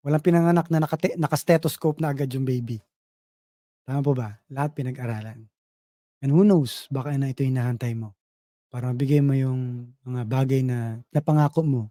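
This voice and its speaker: A man giving a motivational business presentation, telling a fable in a lively way and often checking in with the audience. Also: mid-range voice, no room sound, clean studio sound. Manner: lively storytelling, asks audience "Tama?".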